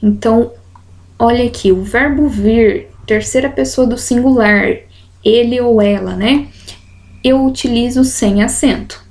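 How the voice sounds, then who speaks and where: This is a woman teaching a grammar lesson in Brazilian Portuguese, with a voice a little higher than most women's. She reads example sentences aloud and walks through each rule step by step. She keeps checking in with her students along the way. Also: darkish tone. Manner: explains slowly, reading example sentences aloud.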